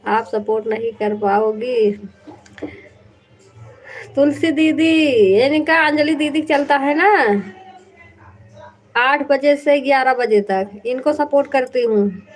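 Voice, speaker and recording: A woman's voice: sits high, takes it slowly, pauses often, low-quality recording. A woman chatting casually on a live stream through an earphone mic, teasing and laughing often.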